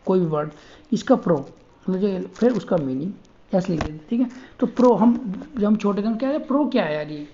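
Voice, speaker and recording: A chatty male tutor with a soft, mellow tone, talking viewers through spellings one letter at a time. The recording is dull and a little lo-fi, and he keeps calling his audience friends as he explains. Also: high-pitched. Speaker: online tutor. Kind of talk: casual spelling lesson.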